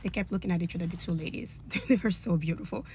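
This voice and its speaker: A woman in her thirties telling her faith testimony in a casual, animated, emphatic way. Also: fairly low pitch, quick pace, a little hiss or hum. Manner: animated, emphatic, acts out dialogue. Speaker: influencer sharing a faith testimony.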